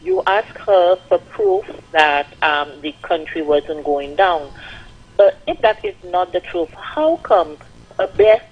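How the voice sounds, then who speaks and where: A woman's voice: on the low side, expressive, slow, slightly rough. A woman caller speaking over a landline phone, challenging and confrontational. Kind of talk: call-in radio talk. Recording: muffled landline phone line.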